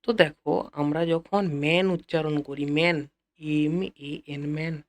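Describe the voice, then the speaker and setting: A man's voice: on the high side, level tone. Repetitive Bengali-accented male teacher. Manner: repeats key phrases slowly, addresses students directly. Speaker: English teacher. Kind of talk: classroom-style lesson explanation.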